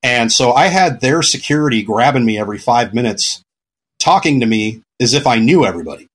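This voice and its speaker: A man and longtime security conference organizer, a guest in a casual podcast conversation, telling animated stories and acting out the dialogue. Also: medium pitch, a little fast, breathy edge. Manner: animated storyteller, acts out dialogue.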